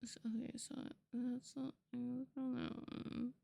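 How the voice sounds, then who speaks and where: A woman streamer chatting casually with her viewers while she draws, excitable, swearing often and laughing a lot. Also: on the high side, a little slow, creaky. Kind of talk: casual livestream chat while drawing.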